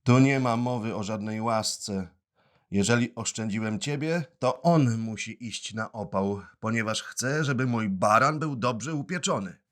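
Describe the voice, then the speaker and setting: Guy putting on a loud hoarse grumpy giant puppet boss, keeps sneezing, storybook. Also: a little slow, natural voice. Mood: stern. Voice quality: hoarse, booming. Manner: loud shouting orders, sneezes. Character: gruff bearded giant puppet-show director, sneezing.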